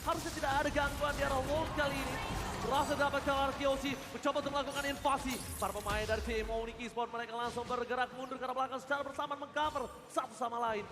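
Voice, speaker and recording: An Indonesian man doing live play-by-play esports commentary as an excited fighting game announcer. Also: very high voice, very fast, noisy background. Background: music.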